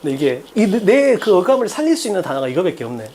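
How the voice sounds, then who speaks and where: Fast, lively Korean English tutor. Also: male voice, sits high, a little hiss or hum. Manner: blunt, casual, swears, asks students rhetorical questions; repeats key phrases often. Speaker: English teacher. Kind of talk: lecture.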